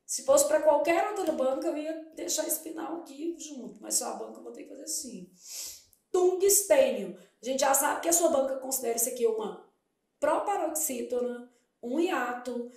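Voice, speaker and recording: A woman's voice: sits high, fairly quick, a little mellow. A woman teaching a Portuguese exam-prep lesson, posing questions and answering them herself. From Brazil. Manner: explanatory, asks and answers her own questions. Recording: echoey room.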